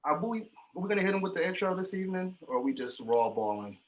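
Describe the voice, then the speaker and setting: Man, casual live-stream host, joking, slightly raised pitch, faint noise behind. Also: big pitch swings, quick pace. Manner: loud, laughing, joking. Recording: echoey room, faint noise.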